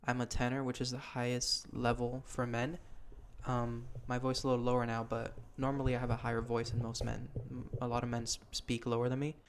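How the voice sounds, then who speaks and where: With a completely flat, mid-range delivery, a young podcast host talks briskly over a faint hiss or hum. He's casual and earnest but rambling, leaning heavily on ums and restarts.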